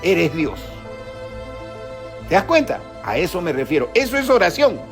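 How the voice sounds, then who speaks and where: Peruvian male host, middle-aged, high pitch, storytelling spiritual talk, soft music under. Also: very animated, moderate pace. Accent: Peruvian Spanish. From Peru. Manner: folksy, storytelling, preachy asides. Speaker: radio host.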